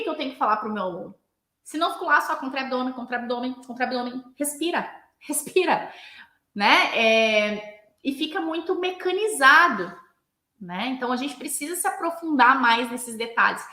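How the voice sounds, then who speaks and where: A woman's voice: on the high side, bright, forceful tone, roomy sound. A Brazilian woman, a Pilates instructor, explaining teaching technique and often checking in with "né?". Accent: Brazilian Portuguese. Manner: explanatory, with frequent "né?" tag questions.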